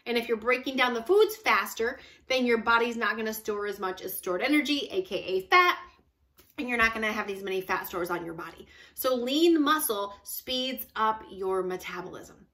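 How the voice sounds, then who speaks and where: A woman in her forties coaching viewers on fitness in an upbeat, chatty way. Her voice sits a little high and sounds bright and forward. She's close to a webcam in a small room, emphatic and quick to laugh. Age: 40s. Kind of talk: casual direct-to-camera talk.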